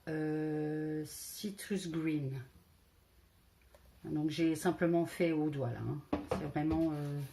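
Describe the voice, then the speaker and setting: A woman with a low, mellow voice and a regional French accent shows her handmade cards, casual and unhurried. She hesitates a lot and loses her thread now and then. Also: a little hiss or hum. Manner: hesitant, many fillers, loses track. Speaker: crafting vlogger. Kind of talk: casual craft show-and-tell.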